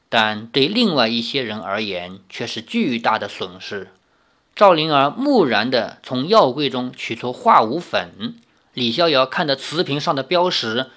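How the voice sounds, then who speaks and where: A man's voice: a little high, a bit bright. A man reading a novel aloud as an audiobook, telling the story expressively. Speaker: narrator.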